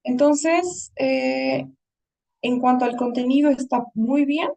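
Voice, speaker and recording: High, gravelly-voiced woman teacher. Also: slow pace, dark tone, far from the mic, rough recording. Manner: patient, checks in with "¿no?". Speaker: English teacher. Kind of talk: online writing lesson, explaining.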